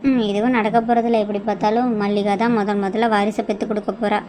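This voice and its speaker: A woman voicing a sharp-tongued younger sister in a cartoon, mocking and scolding. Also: mid-range voice, level tone, quick pace, slight background noise, close to an everyday voice. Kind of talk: cartoon voice acting.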